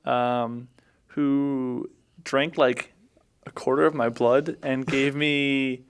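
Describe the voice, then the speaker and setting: A man with a very clean, smooth, medium-pitched voice and fairly even intonation casually recaps a tabletop game adventure. Like a podcast player, he speaks haltingly, searching his memory for details as he goes.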